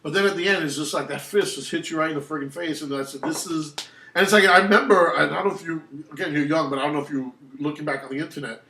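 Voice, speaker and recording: Speaking fast in a fairly high voice, this New Yorker hosts a podcast and spins animated, rambling film anecdotes that keep restarting. He's off-mic at a distance, and the sound has a roomy echo.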